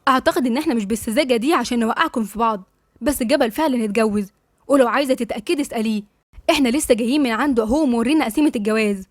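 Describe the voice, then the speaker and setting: A woman voicing a sly, smooth-talking young woman with an Egyptian accent. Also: fairly high pitch, rapid-fire, no echo, studio quality, natural voice. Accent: Egyptian Arabic. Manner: tactful, sly.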